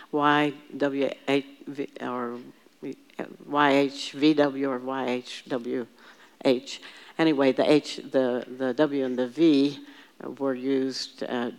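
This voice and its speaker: Woman teaching bible study, patient, lots of restarts, has the class repeat words. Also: very deep voice. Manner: patient, explains word by word, leads the group in repeating terms; thinks aloud with frequent restarts and fillers.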